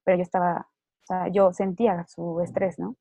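A Mexican woman tells a personal story in a relaxed, chatty way. Her voice is low-toned and gravelly with a fry, and the recording is dry and close. She peppers her talk with little tag questions and briefly puts on other people's voices. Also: no room sound. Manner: chatty, fills talk with "o sea" and "¿no?"; acts out what others said in quick voices.

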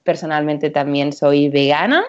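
A woman's voice: low voice, normal speed. A woman from Catalonia, a nutritionist guest, chatting enthusiastically on a radio show. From Spain (Catalonia, Empordà). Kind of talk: casual radio chat. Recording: dull lo-fi sound.

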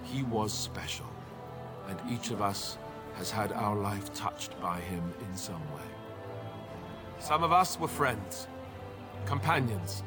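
A man's voice: lowish voice, lively intonation, takes it slowly, pauses often. An actor playing a solemn, newly crowned king in a video game, speaking in formal, kingly public oratory. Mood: solemn, grateful. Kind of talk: scripted video game cutscene speech. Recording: game audio with music behind. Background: music.

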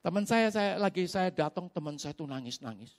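A male pastor delivers a sermon in a slightly high voice that swoops up and down with great energy. He tells a story in a loose, colloquial way, imitates knocking sounds, and keeps asking the congregation for amens. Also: fairly quick. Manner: animated storytelling with sound effects.

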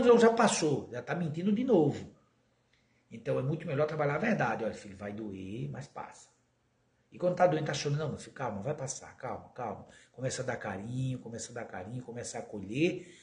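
A man giving an earnest spiritist talk on raising children, often stretching words slowly for emphasis. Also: mid-range voice. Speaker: spiritist lecturer. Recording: echoey room.

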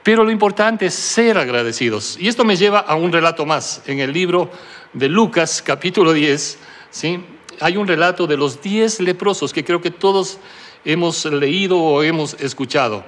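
A middle-aged male pastor with a noticeably high voice for a man preaches a sermon. He tells his story in a conversational way, checking in with the congregation through constant tag questions. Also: lively intonation, normal speed, a bit bright. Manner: self-deprecating humor.

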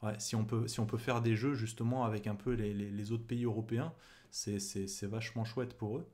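A man's voice: on the low side, steady tone, brisk, darkish tone. Chatty male interviewer with restarts. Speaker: interviewer, game master. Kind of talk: casual interview chat.

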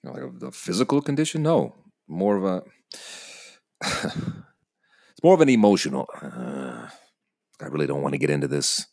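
A man playing an anxious, exasperated airline passenger at breaking point, halting and stammering in a comedic drama. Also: extremely low pitch, lively intonation, creaky, darkish tone, full character voice. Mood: anxious, pleading. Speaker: airline customer. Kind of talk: naturalistic comedic drama acting.

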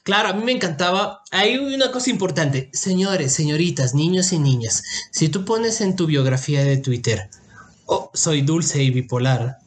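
A man co-hosting a casual comedic chat, animated and jokey, laughing often. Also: on the high side, moderate pace.

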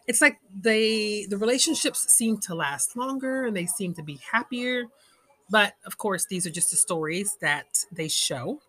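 Breathy, chatty woman podcaster. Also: medium pitch. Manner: chatty, animated, laughs often. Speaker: podcast host. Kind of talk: casual solo podcast chat.

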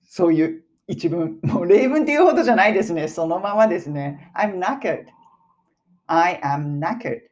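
A woman in her forties, an English-teaching YouTuber, giving a chatty spoken lesson and sometimes dropping into soft asides. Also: lowish voice, very animated, fast, few pauses.

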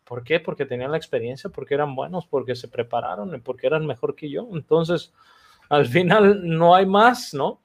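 Mexican guy chatting about his career, relaxed and slangy, kinda high-pitched. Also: normal speed, vocal fry. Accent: Mexican Spanish. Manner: relaxed, slangy, animated retelling. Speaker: archery athlete guest. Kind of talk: casual interview storytelling.

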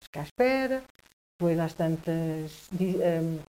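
Soft-spoken European Portuguese woman. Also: low voice, lively intonation. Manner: halting, with frequent restarts and repeated words. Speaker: guest. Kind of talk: personal storytelling in conversation.

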